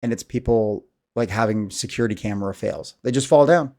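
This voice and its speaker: A man's voice: on the low side, fairly quick, a little mellow. Rambling, candid man in his thirties. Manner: candid, rambling, self-deprecating, sighs often. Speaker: vlogger. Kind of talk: casual monologue to camera.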